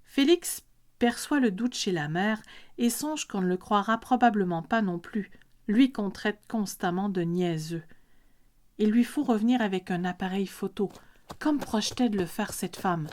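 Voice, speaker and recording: A woman's voice: mid-range voice, measured pace, a little mellow. A woman reading a scripted story as a podcast narrator.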